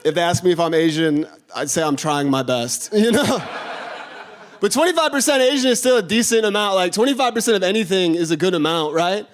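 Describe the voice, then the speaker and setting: A young man from working a stand-up set on a theater stage. His voice sits high for a man, and his delivery is laid-back. He tags punchlines with a casual "you know?". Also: a little fast. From Chicago. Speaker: stand-up comedian.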